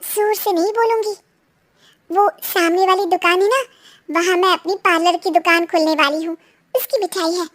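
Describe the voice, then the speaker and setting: A woman plays a cheerful young wife in a cartoon, chatty and excitable, quick to share her news. Her voice is very high and lively. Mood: eager. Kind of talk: cartoon voice acting.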